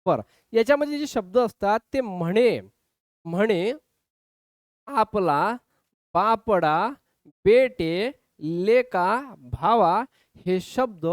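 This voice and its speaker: Lively grammar teacher, crisp dry voice. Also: male voice, sits high, no room sound. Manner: lively, acts out example exclamations, keeps addressing students as friends. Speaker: grammar teacher for exam prep. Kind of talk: online exam-prep lesson.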